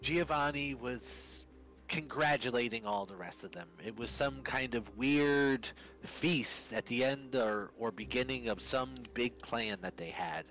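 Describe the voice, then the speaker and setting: A man playing a halting young vampire prisoner. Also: mid-range voice, fairly bright tone, soft background music, close to an everyday voice, poor audio. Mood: wary. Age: young adult. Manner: hesitant, halting, trailing off. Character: young male vampire prisoner, former sailor, evasive. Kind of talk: tabletop role-play in character.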